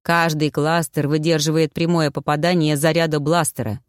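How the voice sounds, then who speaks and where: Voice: mid-range voice, flat delivery, normal speed, clean tone, no room sound, clean studio sound, natural voice. A reader voicing a smug, self-satisfied male cyborg inventor who lectures the others, in an audiobook. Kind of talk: audiobook reading.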